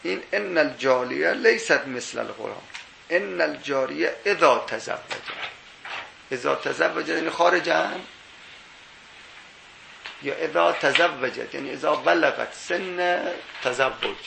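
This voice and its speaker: A man's voice: on the high side, creaky, reverberant, background noise. A man teaching Islamic jurisprudence in a seminary lecture. He explains step by step, quoting Arabic texts and posing rhetorical questions.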